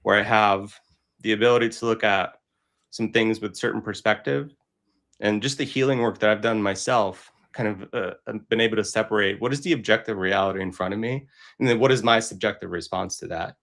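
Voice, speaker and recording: A man's voice: fairly low pitch, a little fast, gravelly, fairly bright tone. A man from Brooklyn speaking as a guest in a casual conversation, in an earnest, reflective way. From Brooklyn, New York. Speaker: podcast guest.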